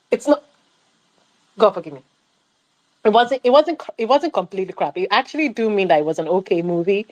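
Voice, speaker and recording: Animated woman ranting about a film. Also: fairly high pitch, poor audio. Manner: animated ranting with laughs and rhetorical questions. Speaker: film club panelist. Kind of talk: casual film critique chat.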